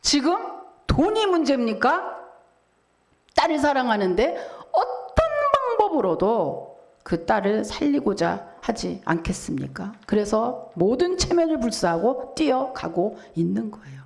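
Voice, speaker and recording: A woman's voice: a little high, very animated, unhurried, creaky, darkish tone. A middle-aged woman pastor preaching a sermon, telling a story vividly and asking the congregation rhetorical questions.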